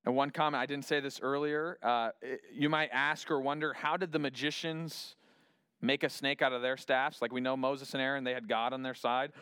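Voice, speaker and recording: A man's voice: medium pitch, steady tone, moderate pace, sharp tone, clear, resonant tone, no echo, studio quality. A man casually retelling a Bible story as a lesson. He imagines the scene aloud and often restarts his sentences. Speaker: Bible teacher.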